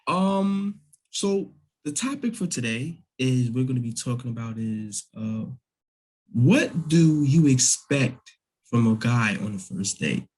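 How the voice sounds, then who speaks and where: Husky-voiced young man hosting a casual chat. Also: mid-range voice, animated, slow pace, darkish tone, low-quality recording. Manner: laid-back, questioning, laughs easily. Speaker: podcast host.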